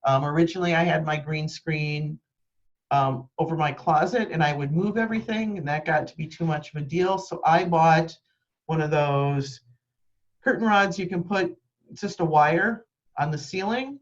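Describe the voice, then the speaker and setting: A woman's voice: low-pitched, normal speed, dull audio. A woman leading a live video-call training from her home office, explaining things practically with frequent ums. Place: home office with green screen. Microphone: webcam microphone.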